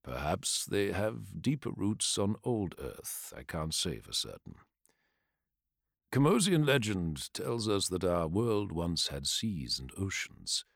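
A man voicing a calm, reverent male swordsman who tells a story in a low, hushed, slow voice. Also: creaky, breathy edge, dry recording, clean studio sound, full character voice.

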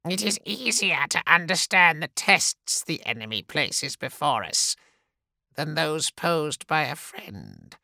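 Man voicing a creaking old female tree spirit, very high and swooping, slow, gravelly, dry sound. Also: very animated, sharp tone, no echo, heavily acted. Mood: cryptic. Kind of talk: audiobook character voice.

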